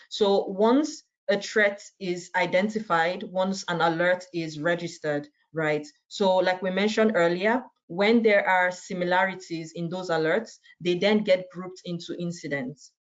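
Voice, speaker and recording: A woman presenting a webinar on a video call, chatting through a product demo and often tagging her sentences with "right?". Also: lowish voice. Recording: dull, muffled video call audio.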